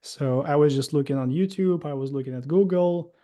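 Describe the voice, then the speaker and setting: A Russian man in his thirties with a Russian accent tells his story as an interview guest, his speech halting and packed with fillers and restarts. His voice is mellow and sits on the high side.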